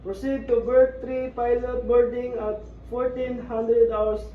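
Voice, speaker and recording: High-voiced man on a marine radio. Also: level tone, unhurried, slight background noise. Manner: clipped radio procedure phrasing. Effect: marine VHF radio transmission. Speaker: radio operator. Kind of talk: scripted marine radio drill. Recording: far-off echoey lo-fi radio.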